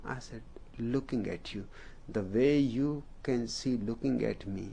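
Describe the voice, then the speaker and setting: A spiritual teacher, a native Hindi speaker with an Indian accent, tells a story in a calm discourse. He speaks very slowly at a medium pitch, with long pauses between short phrases, and his voice has a gravelly, fry-laden texture.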